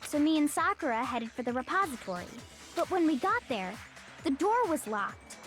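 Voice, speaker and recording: A woman playing an excitable, naive schoolgirl in an anime game dub, exaggerated and dramatic. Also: sits high, normal speed. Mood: shocked disbelief. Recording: loud background music.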